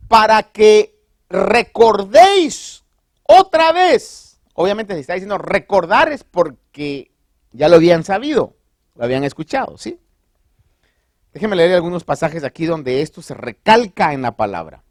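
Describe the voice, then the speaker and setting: A man preaching a sermon as pastor, conversational and animated, asking the congregation rhetorical questions and dropping in English phrases. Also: fairly high pitch, dry recording, clean studio sound.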